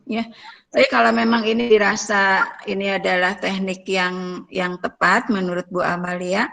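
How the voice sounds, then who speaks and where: A woman's voice: medium pitch, little pitch movement, vocal fry, fairly bright tone, low-quality recording. Thoughtful female lecturer giving feedback. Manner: thoughtful, many fillers and pauses. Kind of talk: spoken feedback in a counseling class.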